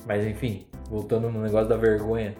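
A man's voice: on the low side, completely flat delivery, fairly quick, warm tone, reverberant, faint music behind. A young man chatting casually on a podcast, telling stories in a laid-back, slangy way. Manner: laid-back slangy storytelling, laughs at his own stories.

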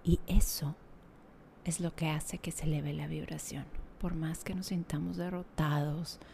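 A woman guiding a meditation in a soft, half-whispered, slow and soothing way. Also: sits low, little pitch movement, gravelly, a little hiss or hum. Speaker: meditation guide. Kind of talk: guided meditation. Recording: music playing behind.

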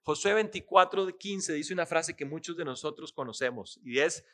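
A man preaching a sermon, animated and asking listeners questions. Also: on the high side, normal speed. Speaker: pastor.

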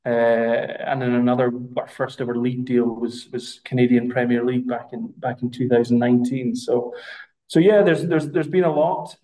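A man's voice: medium pitch, dark tone, poor audio. A Scottish man speaking as a guest on a podcast interview, hesitant and full of fillers and restarts. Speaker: brand representative guest.

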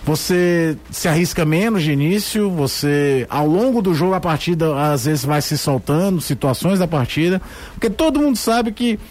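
A man's voice: on the high side, lively intonation, moderate pace, a little mellow. A man giving conversational, explanatory football analysis on the radio, repeating words to build his points. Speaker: sports commentator.

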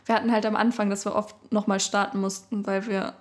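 A young woman co-hosts a casual podcast in a medium-pitched voice. She talks in a colloquial, chatty way and is quick to joke and laugh. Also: level tone. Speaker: podcast co-host.

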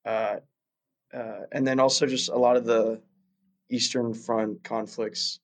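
A young Russian-born man appears as a guest in a casual interview, chatting in a relaxed, meandering way. His voice sits at an ordinary middle pitch. He rambles, fills pauses with "um" and "you know," and often restarts his sentences.

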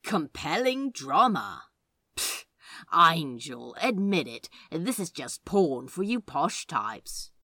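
A woman's voice: deep voice, big pitch swings, slow pace, sharp tone, no echo, studio quality, heavily acted. A woman voicing a sardonic male demon who drawls lazily and teases. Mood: teasing. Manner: lazy drawl, mocking.

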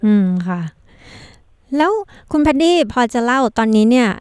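A woman's voice: on the high side, animated, normal speed, smooth, dry recording. Polite woman interviewer, close dry sound. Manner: polite, long questions with soft particles. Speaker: interviewer, host. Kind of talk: conversational broadcast interview.

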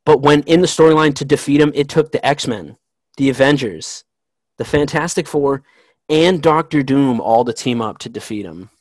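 A man chats on a podcast as an eager fan, tumbling through explanations and restarting his sentences. His voice sits at a middle pitch. The recording is dry and close, with no room sound. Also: moderate pace, no echo, rough recording. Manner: rambling, excitable fan talk with many restarts. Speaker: podcast co-host. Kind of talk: casual chat.

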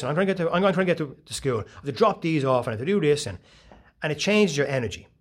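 A man, giving a casual, profane motivational talk full of animated storytelling. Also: a little high. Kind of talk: casual monologue.

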